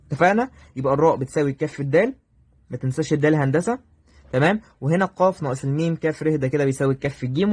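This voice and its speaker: A man with an Egyptian accent teaching a review lesson, addressing students directly and checking in with quick questions. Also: fairly high pitch. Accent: Egyptian Arabic. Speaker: math teacher.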